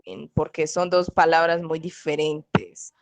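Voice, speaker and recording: A woman's voice: low-pitched, level tone, a little slow, background noise. A woman teaching an online Korean class, patiently checking in with "¿ok?" and "¿cierto?". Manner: patient, repeats "¿ok?" and "¿cierto?" often.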